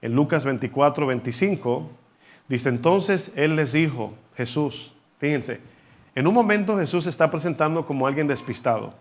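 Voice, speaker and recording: Male preacher, fairly high voice, teaching tone, quizzes the congregation and has them repeat key words. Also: expressive, normal speed. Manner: rhetorical questions to the listeners. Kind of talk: sermon.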